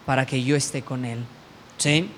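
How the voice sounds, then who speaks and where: A man's voice: medium pitch, fairly even intonation, fairly bright tone, a little hiss or hum. A man preaching a sermon, telling a personal testimony and asking the congregation rhetorical questions. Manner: slow, deliberate delivery.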